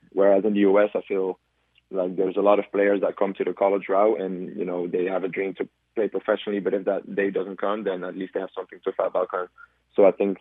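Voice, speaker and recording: A Belgian footballer in his twenties talks with a radio interviewer over the phone, answering thoughtfully amid many ums and restarts. His low voice is slightly rough. The line is tinny, with no room sound.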